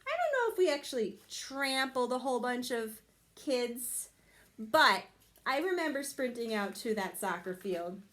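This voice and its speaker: Teacher lady reading a picture book to kids, high voice that swoops a lot, takes her time. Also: a little slow. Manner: expressive, lively storytelling.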